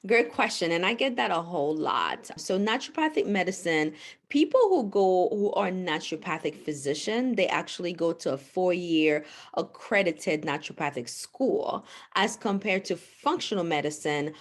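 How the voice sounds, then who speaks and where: Woman doctor being interviewed, lowish voice, earnest and explaining things. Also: expressive, normal speed. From Haiti. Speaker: guest naturopathic physician. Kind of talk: podcast interview.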